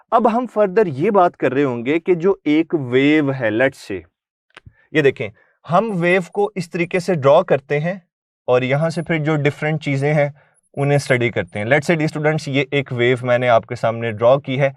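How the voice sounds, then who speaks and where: A man's voice: on the high side, no room sound, clean studio sound. Male teacher giving a lecture. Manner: keeps saying "dear students", mixes English terms into Hindi. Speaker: physics teacher. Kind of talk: recorded lecture.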